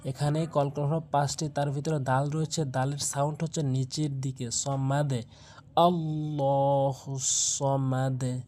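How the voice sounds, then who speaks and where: A man's voice: on the high side, flat delivery, moderate pace, few pauses, dark tone. A man giving a Quran pronunciation lesson, spelling out letters and vowel marks and repeating each word as a drill. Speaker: Quran recitation teacher.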